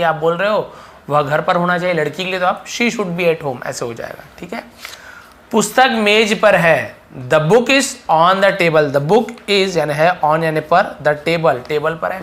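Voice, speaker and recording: Male teacher, spoken English lesson; slow, clear drilled example phrases, brisk explanations in between. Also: a little high, a bit bright. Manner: says example sentences slowly and clearly, explains quickly.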